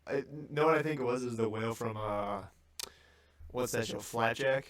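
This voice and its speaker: A young man in his late teens chats casually as a podcast co-host. He rambles and stacks fillers as he talks, at an everyday mid pitch. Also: moderate pace. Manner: rambling, filler-heavy, loose and animated. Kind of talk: casual chat.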